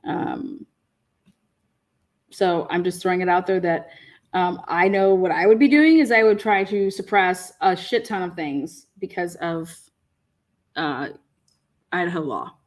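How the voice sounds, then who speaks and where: A woman's voice: on the low side, measured pace, pauses often. A woman co-hosting a casual livestream, reading viewer comments aloud, laughing often and swearing casually. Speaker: livestream co-host.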